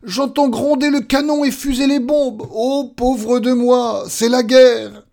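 A man voicing a timid little man who panics and shrieks high, stammering when frightened. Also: a little slow, vocal fry, heavily acted. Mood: terrified.

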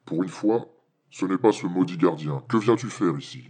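A woman voicing a giant majestic phoenix in an audiobook story, speaking slowly and gravely in a very deep, husky voice. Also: warm tone. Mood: wary. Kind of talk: storybook narration.

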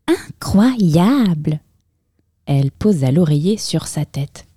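A woman reading a children's picture book aloud as storyteller, with expressive, lively storytelling in a close, dry room. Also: sits low, slow, no echo.

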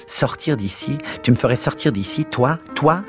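A man reading aloud, voicing a furious, betrayed woman who hurls shrill accusations at her lover. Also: over music. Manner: shrill accusing outbursts, fast and raised.

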